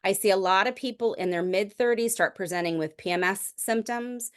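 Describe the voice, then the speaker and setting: A woman's voice: medium pitch, a little fast. A middle-aged woman physician giving a lecture in a conversational, explanatory way, with frequent restarts. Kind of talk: recorded medical lecture.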